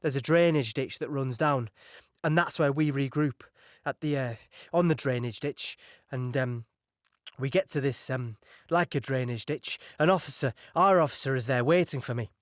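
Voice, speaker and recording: An actor playing a young British signaller recounting a beach landing in an audio drama, halting and shaken. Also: male voice, medium pitch, no echo, studio quality, close to an everyday voice. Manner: halting, shaken, recalling horror in present tense.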